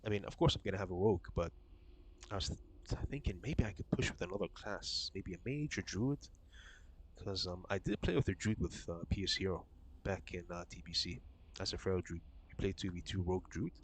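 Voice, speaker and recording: A man streams a game and chats casually with his viewers, rambling and swearing loosely. His low-pitched, expressive voice is slightly raspy because he's sick, and he talks fairly quickly. A little hiss or hum sits in the audio.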